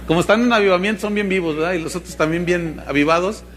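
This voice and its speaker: A man's voice: high-pitched, fast, fairly bright tone. A male pastor preaching to a live congregation, teasing and firing questions at them. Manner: mocking, humorous, asks the congregation questions. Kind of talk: sermon.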